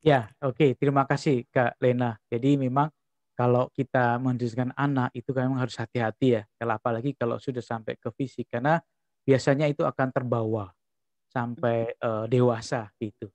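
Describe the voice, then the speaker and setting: A man's voice: mid-range voice, fairly even intonation, a little fast, a little mellow, no echo. A man moderating an online seminar, reading out viewer comments with hesitant fillers. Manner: hesitant, fills with "eh, apa".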